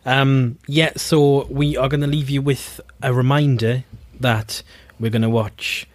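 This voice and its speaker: A man's voice: mid-range voice, little pitch movement, measured pace, dry recording. A man co-hosting a podcast in casual chat, rambling and jokey with lots of fillers. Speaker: podcast co-host.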